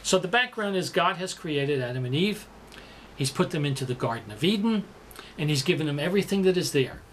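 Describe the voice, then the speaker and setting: A man's voice: a little high, animated, a little fast, a little hiss or hum. A man preaching a sermon, explaining words and repeating the verse for emphasis. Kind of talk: sermon teaching.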